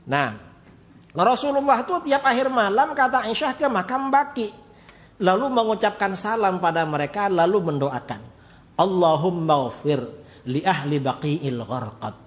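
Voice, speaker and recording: A man preaching a religious lecture, arguing his point with rhetorical questions. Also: sits high. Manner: rhetorical questions, lively and argumentative. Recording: long hall reverb.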